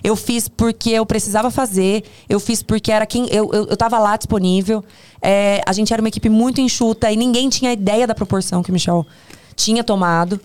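A woman with a Brazilian Portuguese accent telling work stories casually in conversation, in an animated, hyperbolic way that often interrupts itself. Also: medium pitch, brisk, clean tone. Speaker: podcast guest, tour producer.

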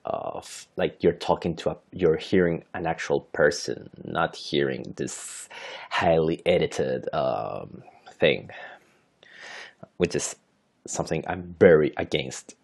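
This podcast host's bass voice is slow and creaky yet animated. He's a thirty-something native Spanish speaker from Chile whose accent carries into his unscripted English monologue, full of hesitations, filler words and self-corrections.

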